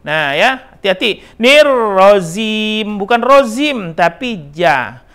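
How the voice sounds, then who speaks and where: A man's voice: high voice, expressive, a little slow, bright, forceful tone. A middle-aged man with an Indonesian accent teaches Quran recitation, drawing out syllables to demonstrate and repeating right and wrong forms, with frequent "nah" and "ya" checks. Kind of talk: Quran pronunciation lesson.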